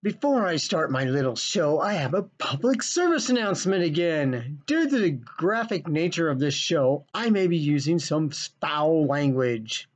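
A man's voice: fairly high pitch, very animated, a little slow, few pauses. A man ranting in a sarcastic, scolding, profane vlog monologue from his basement. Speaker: vlogger. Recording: dull lo-fi recording.

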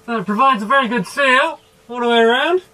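A man's voice: very high-pitched, fairly quick, bright, forceful tone. Guy talking muffled through a gas mask, casual gear review. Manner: plain, chatty demonstrating.

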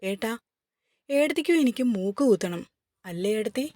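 A woman's voice: mid-range voice, lively intonation, normal speed, warm tone, no echo, close to an everyday voice. A woman voicing a cheeky, mischievous teenage sister with a playful, whiny way of talking, in a story read aloud.

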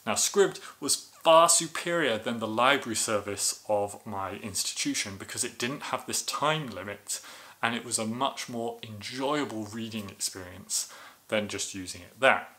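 A man's voice: lowish voice, normal speed, sharp tone. A man in a casual to-camera video review, explaining things in an enthusiastic, plain way.

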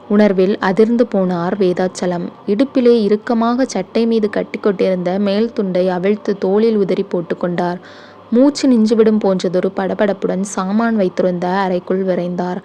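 A woman narrating a short story for an audiobook in a steady, measured way. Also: mid-range voice, slight background noise.

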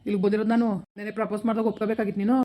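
A woman's voice: medium pitch, level tone, very fast, mellow, natural voice. A woman voicing a stern young village man with a rural Kannada accent, curt and dismissive. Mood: cold. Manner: curt, dismissive, repeats his refusal. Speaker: actor in a village skit. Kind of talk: village skit acting.

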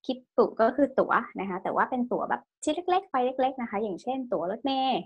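A woman's voice: a little high, expressive, quick pace, husky, muffled recording. A woman teaching a language class, patiently asking her students questions and drilling their pronunciation. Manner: tag-questions every phrase with polite particles. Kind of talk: online language lesson.

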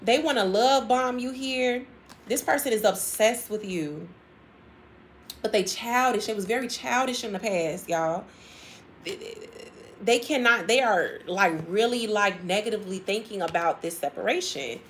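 A woman's voice: medium pitch, moderate pace, fairly bright tone, a little hiss or hum. A woman giving a casual tarot reading to her viewers, chatty and emphatic, repeating phrases and laughing often. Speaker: tarot reader.

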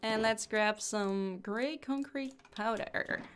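A woman's voice: a little high, slow pace, a little hiss or hum. A young woman chatting casually through a game livestream, giggling often and thanking viewers as she plays.

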